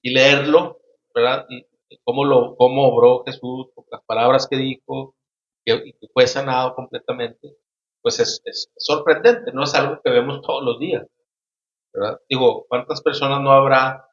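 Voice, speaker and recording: A man hosting a casual Bible study discussion, speaking haltingly with many restarts and frequent tag questions. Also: medium pitch, steady tone, fairly bright tone. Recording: roomy, dull lo-fi sound.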